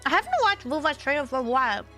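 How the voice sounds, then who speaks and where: A high, bright-voiced woman chats casually on her livestream. She rambles, teases and restarts her sentences as she thinks aloud, with faint music playing behind her. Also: big pitch swings, rapid-fire. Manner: chatty, teasing, rambling with restarts. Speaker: streamer.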